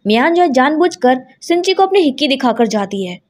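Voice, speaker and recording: A woman narrating a drama recap in a brisk storytelling manner, quoting each character as she goes. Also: sits high, sing-song, a little mellow. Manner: brisk retelling, quoting every character in her own voice.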